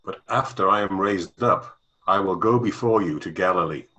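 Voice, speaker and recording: A man's voice: low-pitched, moderate pace, bright, forceful tone, low-quality recording. A man reading the part of Jesus as a grave, resolute teacher in a dramatic scripture reading, with emphatic delivery. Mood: solemn, certain.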